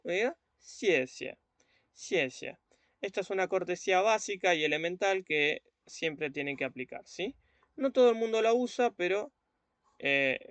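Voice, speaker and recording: A man teaching an online language lesson, patient, repeating words slowly and often checking that students follow. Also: a little high, fairly bright tone, no echo. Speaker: Chinese teacher.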